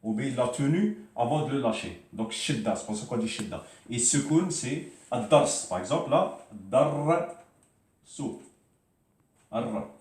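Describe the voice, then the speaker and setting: A man teaches Arabic writing in a loose, spoken way, often stumbling and repeating himself before spelling out each sound. His voice sits at an ordinary middle pitch and comes from some way off the mic. The room around him rings with echo. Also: expressive, a little mellow, far from the mic. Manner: hesitant, repeats words, spells sounds out slowly. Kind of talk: informal spoken lesson at a board.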